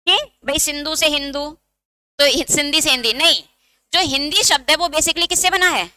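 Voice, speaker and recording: Bright, high-voiced woman teacher. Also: no echo. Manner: asks students questions and answers them herself; dictates note points. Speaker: Hindi teacher. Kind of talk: exam-prep lecture.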